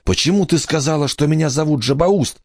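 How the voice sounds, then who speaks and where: A man's voice: fairly high pitch, a little fast, darkish tone, dry recording, clean studio sound, pitched above the performer's own voice, lightly acted. A man voicing a sulky, sarcastic boy, the middle sibling.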